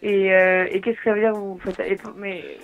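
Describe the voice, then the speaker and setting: A woman speaks over the phone as a helpline operator. Her mid-pitched voice halts and restarts as she talks, with faint music behind. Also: little pitch movement, normal speed, phone-quality sound. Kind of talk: phone conversation.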